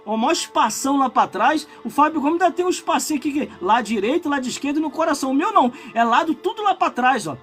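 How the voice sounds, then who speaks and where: Fervent, high-voiced Brazilian preacher in his forties. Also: animated, fast, few pauses, soft background music. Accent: Brazilian Portuguese. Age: 40s. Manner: impassioned preaching that swells into shouts, broken by chatty asides to viewers. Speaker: pastor. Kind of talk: live-streamed sermon.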